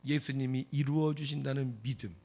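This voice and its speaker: A man's voice: mid-range voice, fairly even intonation, a little fast, darkish tone. A male pastor preaching a sermon dramatically, firing rhetorical questions at the congregation.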